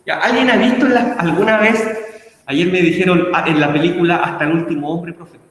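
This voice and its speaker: A man's voice: sits high, fairly quick. A Chilean man teaching a philosophy class online, often checking in with the students and asking them questions. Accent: Chilean Spanish. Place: class video call. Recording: very echoey room with long reverb.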